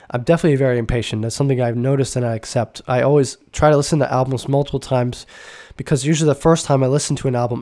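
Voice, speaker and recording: A man hosts a casual music podcast, his medium-pitched, darkish voice stuffy and nasal from a cold. He talks with enthusiasm, wandering into rambling asides and correcting himself as he goes.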